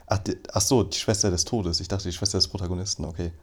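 A man's voice: sits low, fairly even intonation, fast. A man interviewing an author, asking short curious questions and giving brief replies.

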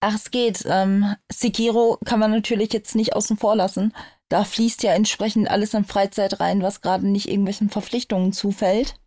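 A woman's voice: mid-range voice, little pitch movement, normal speed, mellow, dry recording. Dry-humored woman podcast co-host. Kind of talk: casual chat.

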